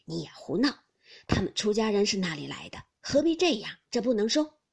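A woman voicing an elderly noble matriarch who speaks in a measured, kindly but chiding way. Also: medium pitch, big pitch swings, vocal fry, breathy edge, heavily acted.

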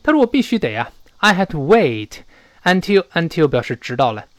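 Lively Chinese man teaching English. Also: fairly high pitch, dry recording. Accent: Mandarin-speaking teacher. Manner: lively, drawls out English words slowly to model them. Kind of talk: recorded English pronunciation lesson.

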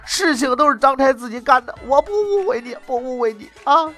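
A man voicing a meek young crown prince who speaks in a soft, placating, tearful way. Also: extremely high pitch, expressive, fairly quick, soft background music, pitched above the performer's own voice, exaggerated voice.

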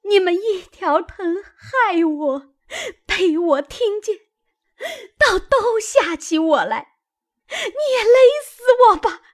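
A woman's voice: extremely high pitch, expressive, slow, pitched above the performer's own voice, heavily acted. A woman reading an old novel aloud and voicing a jealous young noblewoman who scolds shrilly and breaks into sobbing screams. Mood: wailing.

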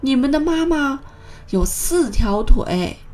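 A woman's voice: sits high, animated, slow. A woman doing a kind, amused mother fish. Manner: warm, amused telling.

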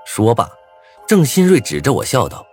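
A man's voice: medium pitch, huge pitch swings, moderate pace, soft background music. A man narrating a suspenseful first-person story in a tense storytelling voice.

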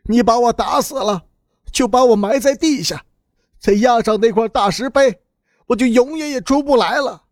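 A man's voice: very high voice, moderate pace, no echo, clean studio sound, voice pushed up. A male narrator voicing a battered man who urgently pleads to be beaten. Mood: earnest. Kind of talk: audiobook narration.

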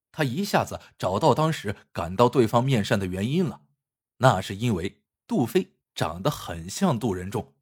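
A man's voice: mid-range voice, breathy edge. A man telling a dramatic folk tale in a traditional storytelling style. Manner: dramatic, animated narration. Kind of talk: Chinese oral storytelling.

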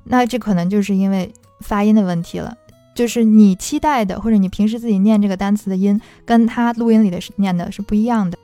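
Mellow-voiced woman language teacher. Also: mid-range voice, fast talker, no echo, faint music behind. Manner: patient, explains with worked examples. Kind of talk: explanatory teaching talk.

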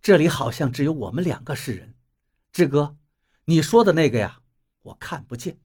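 A man voicing a young woman in an audiobook, pleading and then demanding answers, his voice raised in pitch. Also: expressive, normal speed, darkish tone, breathy edge. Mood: mocking. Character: young woman, torn and tearful.

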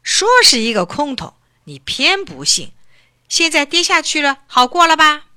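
A woman voicing a greedy, cunning male county magistrate in a storybook tale, shrill and fussy. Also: very animated, unhurried, sharp tone, dry recording, clean studio sound, full character voice. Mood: scheming, exasperated.

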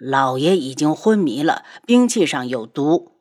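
A woman doing a humble low-voiced male physician. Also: big pitch swings, a little slow, darkish tone, heavily acted. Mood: deferential. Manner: lowered, respectful voice.

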